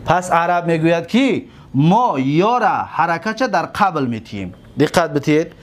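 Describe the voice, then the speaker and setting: A man's voice: a little high, big pitch swings, slight background noise. A man with a Tajik accent teaching Arabic grammar in a classroom lesson, repeating word forms syllable by syllable and checking understanding with questions.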